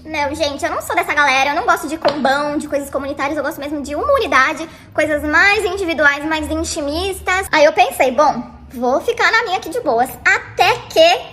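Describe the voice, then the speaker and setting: A young woman with a very high voice tells her own story in a loose, slangy way. Her tone is bright and sharp, and she slips into the voices of the people she describes. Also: fairly quick, hardly any pauses. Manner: animated, slangy, acts out the other people in the story. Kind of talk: casual personal storytelling.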